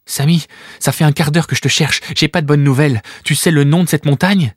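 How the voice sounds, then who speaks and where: A brave young girl, high and bright, pressing her warnings with urgent insistence, as a male storyteller puts her on. Her voice lifts well above the reader's own, close and dry like a studio audiobook. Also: brisk, breathy edge, no room sound.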